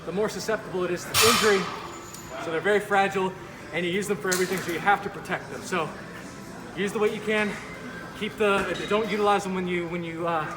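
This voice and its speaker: A man speaking through a face mask, giving casual, halting workout instruction in a gym vlog. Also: high voice. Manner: informal, halting, self-correcting explanations. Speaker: fitness video creator, host. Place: indoor gym. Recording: echoey gym, loud music behind. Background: loud music.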